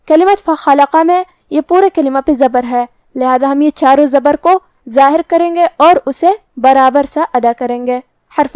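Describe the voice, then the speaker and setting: A woman teaching Quran recitation rules in a methodical, careful way, chanting verses slowly between explanations. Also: high-pitched, no room sound, studio quality. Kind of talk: tajweed lesson with slow recitation.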